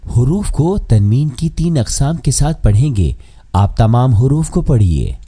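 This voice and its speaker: A man teaching Quran pronunciation rules in a measured, scripted lesson. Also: medium pitch, very animated, dark tone, husky.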